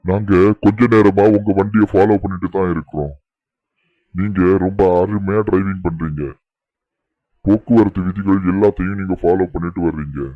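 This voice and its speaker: A man's voice: low voice, steady tone, moderate pace, no echo, narrow, tinny audio, lightly acted. A man voicing an officious traffic policeman in a cartoon, speaking formally.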